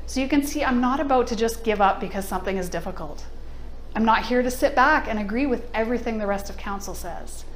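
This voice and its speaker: A determined woman reads out her council campaign pitch in a steady, mid-pitched voice. A faint hiss of noise sits under the recording. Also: poor audio. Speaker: council candidate. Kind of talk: read campaign statement.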